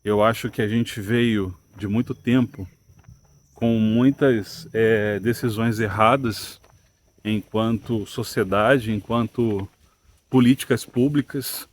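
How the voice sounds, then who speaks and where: A man's voice: fairly low pitch, steady tone, takes it slowly, a little hiss or hum. Reflective Brazilian man talking to viewers. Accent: Brazilian Portuguese. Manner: reflective, questioning, uses many fillers like "né" and "tá". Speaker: channel host. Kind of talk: casual opinion monologue to camera.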